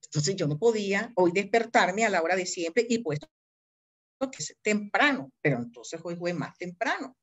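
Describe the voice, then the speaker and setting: A woman's voice: medium pitch, expressive, normal speed. A woman with a Colombian accent giving a live university law lecture, emphatic and digressive, calling on students by name and spelling words out.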